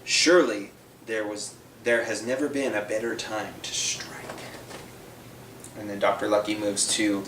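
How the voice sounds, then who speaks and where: Brief: male game host, relaxed rule explainer, roomy distant sound. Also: lowish voice, measured pace, noisy background. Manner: casual, loose, frequent "uh" fillers. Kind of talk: explaining rules at a board game table.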